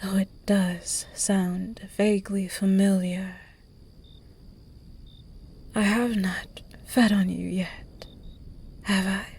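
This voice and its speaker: Slow, close, breathy whispers carry this ASMR roleplay, where a woman voices a seductive female vampire teasing her prey. Her pitch is medium, her tone level and a little mellow.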